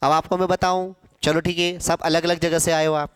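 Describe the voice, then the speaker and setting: High-voiced man drilling Hindi pronunciation. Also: little pitch movement, a bit bright, clear, resonant tone, dry recording, studio quality. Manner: drills pronunciation slowly, stretching and repeating syllables; emphatic, scolding about common mistakes. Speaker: Hindi teacher. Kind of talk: classroom lecture for exam students.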